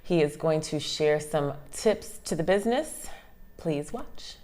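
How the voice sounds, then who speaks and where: A woman's voice: deep voice, lively intonation, unhurried, a little mellow. A woman hosting a casual interview, bubbly and friendly, laughing easily with her guest. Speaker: host.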